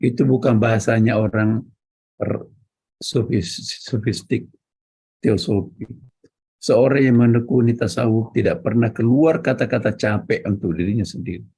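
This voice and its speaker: Dark-voiced, husky male preacher. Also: fairly low pitch, moderate pace. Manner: addresses listeners directly, repeats key words for emphasis. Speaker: Islamic preacher. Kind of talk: religious lecture to a congregation.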